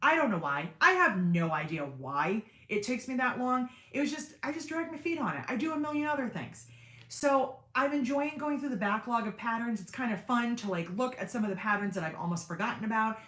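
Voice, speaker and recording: A sewing channel host on a livestream happily rambles through viewer comments, full of fillers and wry self-deprecating asides. Her everyday voice is fairly deep yet pushed and bright, fairly quick with lively intonation. A noticeable room echo suggests a home studio.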